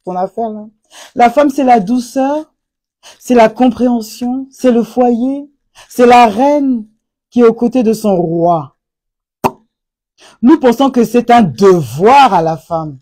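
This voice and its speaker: A woman hosting a live stream, speaking in a preachy, impassioned way about faith and couples, bursting into loud exclamations. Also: on the high side, animated, slow, long pauses. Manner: preachy, rises to loud exclamations and repeats "aïe". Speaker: live stream host answering viewer comments.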